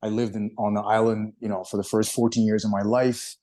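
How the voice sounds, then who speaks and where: A low-pitched man originally from Barbados talks through his background on a video call. His delivery is relaxed and casual, sprinkled with "you know" and "um". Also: fairly quick. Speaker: guest speaker.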